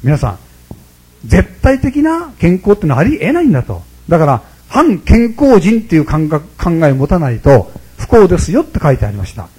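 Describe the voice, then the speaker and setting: A man in his sixties delivers a conversational sermon to his congregation, joking and turning to them often while keeping his voice low. His voice sits high for a man and swings up and down with lively, animated pitch. A husky edge runs through his quick delivery. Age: 60s. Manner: chatty and humorous, often addressing the audience directly. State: speaking quietly, holding his voice down. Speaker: Buddhist temple priest.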